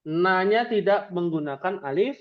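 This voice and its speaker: A man's voice: high voice, lively intonation, moderate pace, lo-fi sound. A man teaching a Quran reading class, speaking with a light tinge and quizzing his students with playful questions. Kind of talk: interactive religious class.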